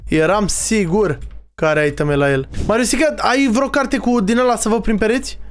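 A young man giving casual, excitable gaming commentary, teasing other players and talking to his viewers. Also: high voice. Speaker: streamer playing a Minecraft role-play server.

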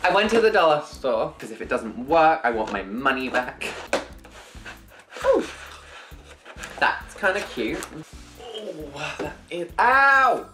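A woman's voice: low voice, big pitch swings, takes it slowly, long pauses, music in the background. A young woman vlogging casually, playful, giggly and dramatic as she chats to the camera. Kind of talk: casual vlog chat.

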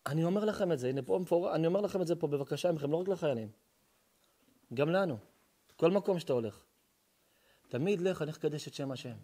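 A man, a rabbi, preaching a sermon with passion, swinging between hushed asides and loud chanted verses. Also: on the high side, expressive, pauses often.

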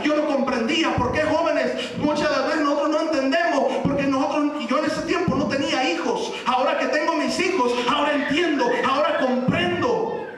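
Brief: youth preacher, man, very high voice, chatty questions and shouted bursts, far off the mic in an echoey hall. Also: a little hiss or hum. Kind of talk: sermon.

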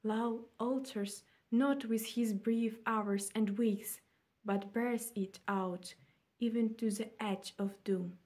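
Slow young woman reciting a sonnet. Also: fairly high pitch, steady tone, darkish tone. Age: young adult. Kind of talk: sonnet recitation, reading poetry aloud. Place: small indoor room at home.

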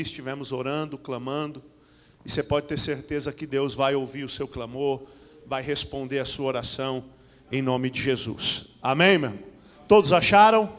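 A middle-aged Brazilian pastor speaks into a handheld microphone, his voice pitched high for a man, peppering his preaching with amens and hallelujahs. The sound rings out with a long reverb through a large church hall. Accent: Brazilian Portuguese. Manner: animated preaching with frequent amens and hallelujahs, paces the stage. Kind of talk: church announcements and sermon.

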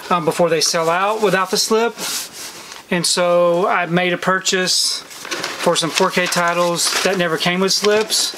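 A man's voice: sits high, background noise. A middle-aged man hosting a casual unboxing vlog, talking in an easygoing, rambling way with frequent ums, in a shelf-lined basement room. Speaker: video collector channel host. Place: basement room lined with disc shelves, indoors.

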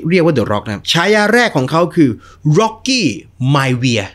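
A male host chatting casually and telling a story, with lots of excited exclamations. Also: a little high, brisk. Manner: animated, full of exclamations.

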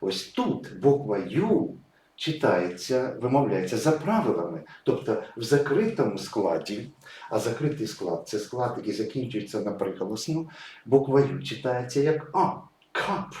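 A man's voice: mid-range voice, sing-song, moderate pace, warm tone, reverberant, a little hiss or hum. A man teaching English pronunciation patiently, writing words and stressing each example. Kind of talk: explaining pronunciation at a whiteboard.

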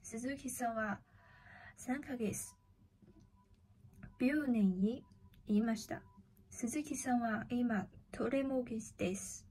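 Brief: student storyteller, woman, slow deliberate pace, fairly high voice, faint noise behind. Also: a little mellow, husky. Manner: slow and careful, with repeats and self-corrections. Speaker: language student telling a story. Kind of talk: storytelling speaking task.

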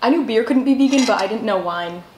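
Woman, casual mealtime chat, relaxed and chatty, roomy echo. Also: on the high side, fast talker, slight background noise. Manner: chatty, relaxed, many "like" fillers. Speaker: co-host. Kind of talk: casual chat over a meal.

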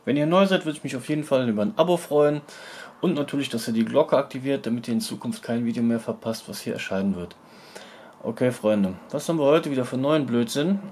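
A man's voice: medium pitch, darkish tone. A man hosting a casual product review vlog, chatting informally from behind the camera. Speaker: host of an online video channel. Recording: faint background noise.

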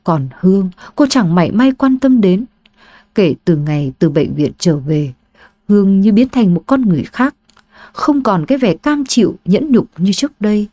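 A woman storyteller giving steady, dramatic scripted audiobook narration. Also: mid-range voice, moderate pace, dry recording, studio quality.

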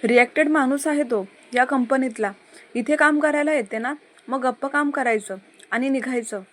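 Woman doing a furious young boss man, fairly high and flat. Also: a little fast, lightly acted. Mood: furious scolding. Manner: shouting, scolding. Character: angry young male boss.

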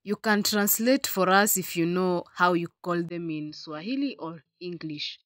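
Cooking in a compact home kitchen, a young vlogger with a Kenyan accent talks easily to her audience and slips in some Swahili. She speaks a bit slowly in a lowish, fairly bright voice; the phone camera sits at arm's length, and the recording is dry and studio-clean.

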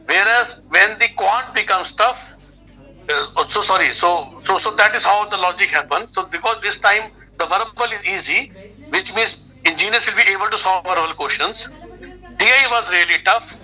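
Sharp, high-pitched Indian man on video call. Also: normal speed, poor audio. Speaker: expert guest, education adviser. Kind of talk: explanatory interview talk. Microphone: video call on a phone speaker.

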